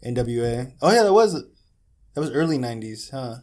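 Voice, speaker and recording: A young man chats on his podcast in a relaxed, joking way. He swears a lot and keeps breaking into lines from songs. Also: medium pitch, moderate pace. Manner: swearing, joking, chanting lyrics. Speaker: podcast co-host. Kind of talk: casual chat.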